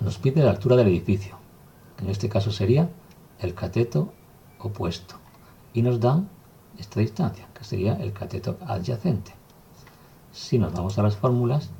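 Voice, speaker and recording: Low gravelly male teacher. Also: dull audio, a little hiss or hum. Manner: calm, step-by-step explaining while writing. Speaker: math teacher. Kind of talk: recorded math lesson.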